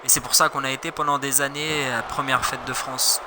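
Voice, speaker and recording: A man's voice: medium pitch, little pitch movement, fairly quick, background noise. A man doing casual live commentary as a wrestling commentator, chatting informally and directly to viewers. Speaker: streamer commentating wrestling game matches.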